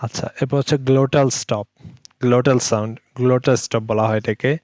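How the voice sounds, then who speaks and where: A man's voice: mid-range voice, fairly even intonation, a little fast, darkish tone, dry recording. A man whose first language is Bengali, teaching English pronunciation and patiently repeating each sound several times. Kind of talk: language lesson.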